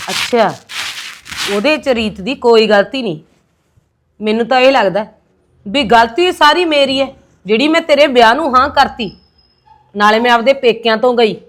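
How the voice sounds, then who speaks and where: A woman's voice: a little high, moderate pace, long pauses, a bit bright, close to an everyday voice. A middle-aged woman playing a resentful mother-in-law in a short film drama, scolding and sarcastic. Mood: bitter.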